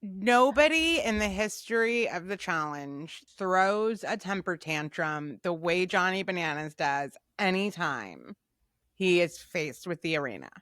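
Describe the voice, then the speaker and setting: Bright, emphatic woman, low-pitched. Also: big pitch swings, a little slow, smooth, dry recording, studio quality. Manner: emphatic, opinionated. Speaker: podcast co-host. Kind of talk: casual recap chat.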